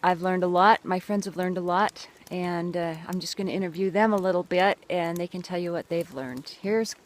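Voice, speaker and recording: A woman's voice: on the low side, normal speed. A woman leading a group hike, chatting to the camera on a mountain trail, upbeat and thankful. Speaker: hike leader filming a trail vlog. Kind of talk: casual outdoor vlog narration.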